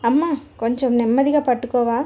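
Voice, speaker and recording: An earnest, sweet little boy in a storybook tale, as a woman storyteller reads him. He speaks in a high, mellow voice, anxious for his mother. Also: steady tone, fast, lightly acted.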